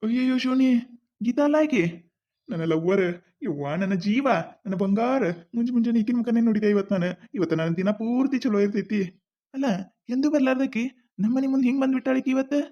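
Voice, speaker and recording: A flirty village man from a cartoon, played by a woman, crooning and teasing in a North Karnataka accent. The voice sits a little high for a man. The sound is dull and lo-fi. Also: fast talker, dark tone, natural voice. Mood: smitten. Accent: North Karnataka Kannada. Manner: sing-song and teasing, croons love lines.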